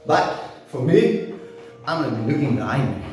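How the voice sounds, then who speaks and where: A man's voice: mid-range voice, lively intonation, darkish tone, distant mic. Echoey earnest man in his forties. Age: 40s. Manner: earnest, preaching, loose with restarts and pauses. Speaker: fitness and faith vlogger. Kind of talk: motivational monologue to camera. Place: small bare home training room with rubber mats. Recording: very echoey room, voice off-mic, music behind.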